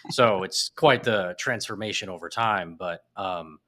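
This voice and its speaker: A man with a deep voice and a bright, forceful edge talks as a guest on a podcast. He sounds lively and enthusiastic in casual conversation, with animated asides. His tone stays bright throughout. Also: unhurried.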